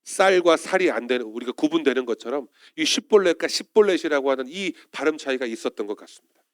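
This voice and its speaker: A man's voice: mid-range voice, animated, quick pace, no room sound, studio quality. A male pastor preaching a Sunday sermon in church, often turning to the congregation with questions.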